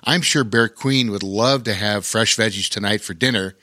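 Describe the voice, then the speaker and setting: A man voicing a kindly, gentle male bear king who speaks in a calm, friendly way in a storybook reading. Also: on the low side, normal speed, dry recording, studio quality. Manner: gentle, warm-hearted, calm.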